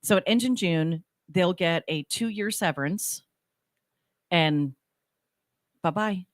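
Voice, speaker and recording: Speaking slowly in a fairly low voice, a middle-aged woman co-hosting a radio talk show rambles through casual chat as a self-interrupting storyteller who keeps restarting sentences. Her studio microphone gives studio-quality sound without echo.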